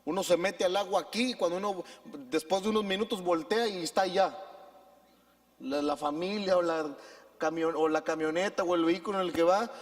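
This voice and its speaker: A man with a Mexican accent, a pastor preaching a sermon and telling a story in an animated way, leading the congregation to repeat after him. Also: sits high, brisk, in a large hall. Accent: Mexican Spanish. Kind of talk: preaching sermon with personal anecdote.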